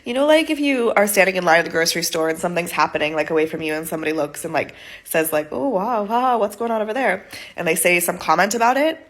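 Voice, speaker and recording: A woman's voice: fairly low pitch, lively intonation, rapid-fire, hardly any pauses, a bit bright. An American woman with a head cold and a nasal voice, chatting casually to camera in a rambling way, often saying "like". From United States. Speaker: vlogger and EFL teacher. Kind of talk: casual talking-head vlog.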